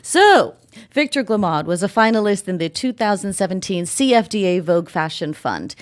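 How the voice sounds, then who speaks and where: A woman's voice: mid-range voice, big pitch swings, normal speed. Effusive woman hosting an interview. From Haiti. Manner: effusive, laughs often, reads bullet points. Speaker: host, plastic surgeon.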